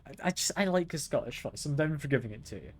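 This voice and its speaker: A man's voice: fairly high pitch, lively intonation, fast. A man streaming a game live, chatting casually, asking his viewers questions and chuckling often. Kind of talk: casual live gameplay chat.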